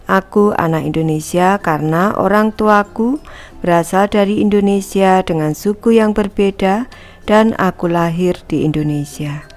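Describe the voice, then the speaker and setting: An unhurried female teacher with a medium-pitched, darkish voice reads a textbook lesson to schoolchildren while faint music plays. She explains each part with patience and talks to the class head-on, calling them anak-anak and herself Ibu.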